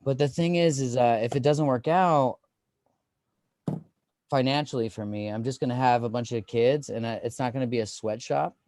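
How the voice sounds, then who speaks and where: A man's voice: mid-range voice, moderate pace, a little mellow, no echo, clean studio sound. A man in his thirties doing a stand-up comedy set, rambling and self-deprecating with lots of fillers.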